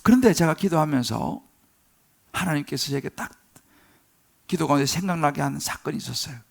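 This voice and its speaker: A middle-aged male pastor delivers a sermon in a slightly high, gravelly voice. He drags out key words and pushes them louder and higher. Between those peaks he slips into a chatty storytelling manner full of fillers and tag questions. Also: brisk. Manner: swells loud and high on key words, drawn out.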